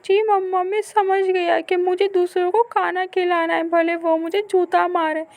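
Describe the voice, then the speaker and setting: A woman's voice: extremely high pitch, level tone, measured pace, darkish tone, voice pushed up. A woman voicing a whiny, hungry young boy bird in a cartoon story, pleading with his mother. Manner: whining, pleading.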